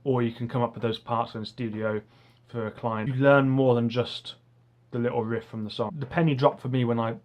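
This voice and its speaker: A man with soft R sounds, saying w for r, talks casually to camera like an online music teacher, earnest, enthusiastic and rambling. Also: medium pitch.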